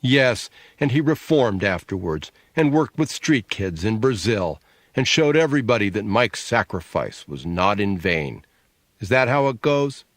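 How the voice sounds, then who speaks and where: A man voicing a sharp-tongued, sarcastic adult sister, needling and scornful, in an audiobook. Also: on the low side, sing-song, measured pace, no echo.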